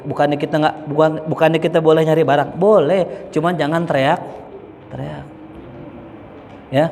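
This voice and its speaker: This Islamic preacher's voice is a little high with a darkish tone as he gives a light, jokey lesson in a mosque, acting out examples along the way. The recording has an echoey hall sound, faint ambience and a touch of background noise.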